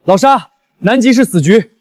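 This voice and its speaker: Resolute young leader with swinging pitch. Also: male voice, lively intonation, normal speed, darkish tone. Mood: commanding. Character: resolute young male leader of ocean team, intense and intuitive. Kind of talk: screen drama acting.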